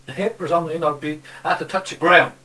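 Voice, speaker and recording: An older Cornishman with a Cornish accent, interviewed as a local dialect speaker from Cornwall, England, reminisces casually in rambling stories full of "see" and "you know." His voice is a little high and sharp-toned, steady, and fast. The recording quality is low.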